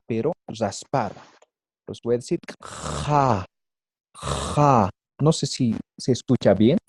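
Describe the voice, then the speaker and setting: A man's voice: medium pitch, warm tone, no echo. A man teaching an online language class, patiently modeling sounds syllable by syllable and checking in with students after nearly every phrase.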